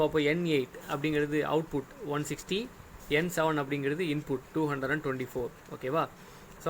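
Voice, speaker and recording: Patient male lecturer, slightly high voice. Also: a bit bright, slight background noise. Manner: patient, step-by-step, often checks "okay?". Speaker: engineering lecturer. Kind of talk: recorded classroom lecture.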